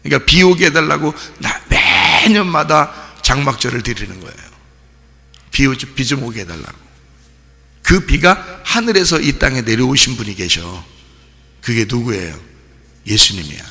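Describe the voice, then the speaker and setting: A male pastor preaching a sermon in a lively, animated way, firing rhetorical questions at his congregation and breaking into shouts. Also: mid-range voice, moderate pace, long reverb tail. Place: church sanctuary.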